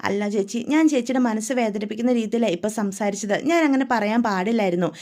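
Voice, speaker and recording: A woman voicing a young woman who answers her older sister defensively with sharp retorts. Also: medium pitch, quick pace, natural voice. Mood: remorseful.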